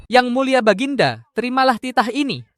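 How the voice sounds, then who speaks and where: An actor dubbing a court herald in a historical drama, proclaiming a decree in a formal, ceremonial way. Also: male voice, very high voice, big pitch swings, brisk, background noise. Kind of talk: Indonesian drama dub.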